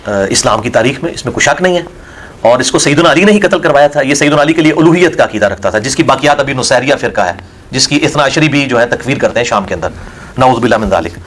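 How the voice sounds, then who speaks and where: A Pakistani man, a religious scholar answering questions in a heated Q&A, scornful and forceful, firing rhetorical questions. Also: medium pitch, expressive.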